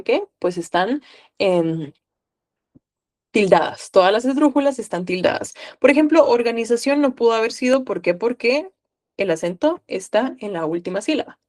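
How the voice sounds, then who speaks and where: A woman's voice: fairly high pitch, a little mellow. A woman from Guatemala with a Guatemalan accent, tutoring a live online class and coaxing students with questions.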